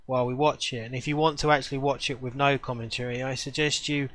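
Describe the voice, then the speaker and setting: A man's voice: mid-range voice, level tone, fast, fairly bright tone. A young man, a filmmaker, giving casual rambling commentary over his own short film. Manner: chatty, rambling, self-deprecating. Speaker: filmmaker and game streamer.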